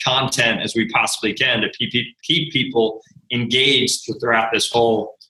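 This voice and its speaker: A man's voice: mid-range voice, fairly even intonation, normal speed, pushed and bright, reverberant, low-quality recording. A man in his thirties from Rhode Island, a country radio DJ chatting easily as a guest and telling stories with frequent laughs. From Rhode Island, USA. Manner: easygoing storyteller, laughs often. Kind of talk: casual interview chat.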